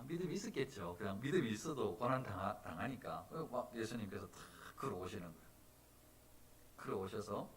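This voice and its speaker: A man preaching a sermon as pastor, animated, moving from soft talk to loud cries. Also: medium pitch, recorded from a distance, a little hiss or hum. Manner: animated, swings from soft to shouting. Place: church sanctuary.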